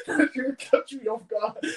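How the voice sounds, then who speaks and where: A young man, chatting casually in slangy, sweary stories. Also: very high-pitched. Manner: slangy, animated storytelling with frequent swearing. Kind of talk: casual group chat.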